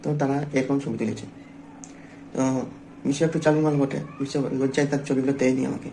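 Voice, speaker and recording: A man spins a joking, rambling anecdote at a quick clip. His voice is gravelly and mellow, with faint background noise behind it. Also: mid-range voice, little pitch movement, low-quality recording. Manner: joking, rambling anecdote with local dialect words. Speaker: vlogger. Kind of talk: casual storytelling to camera.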